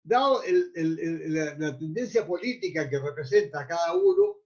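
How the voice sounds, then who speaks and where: A man teaches a class, his voice pitched rather high. He lectures in a loose, wandering way and stumbles over repeated words while he hunts for the next phrase. The recording sounds muffled and lo-fi. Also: sing-song, normal speed, gravelly, a little mellow. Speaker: mindfulness teacher.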